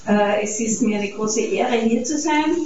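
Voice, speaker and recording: Austrian woman, higher voice, hesitant public talk, heard from afar in a muffled, echoey hall. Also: unhurried, darkish tone, recorded from a distance, a little hiss or hum. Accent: Austrian German. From Carinthia, Austria. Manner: hesitant, many fillers and restarts. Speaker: speaker at a peace event. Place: event hall.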